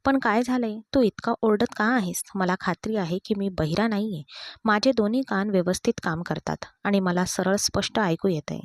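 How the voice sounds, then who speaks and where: A woman's voice: medium pitch, normal speed, no room sound, clean studio sound, close to an everyday voice. A woman voicing a talkative, melodramatic young male friend in a storybook reading, exclaiming and indignant.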